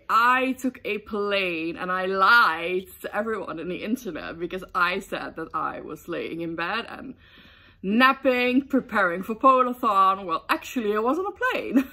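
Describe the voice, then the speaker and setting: A young woman from the Netherlands telling a casual storytime, excitable and giggly with lots of ums. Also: mid-range voice. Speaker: booktube vlogger.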